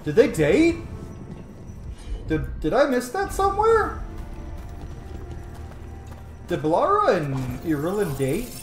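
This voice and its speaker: A man plays a video game and offers casual, rambling commentary, musing aloud as a let's-play streamer. His high voice swoops wildly in pitch, and he talks slowly with frequent pauses. The recording has a roomy echo with faint game music behind him.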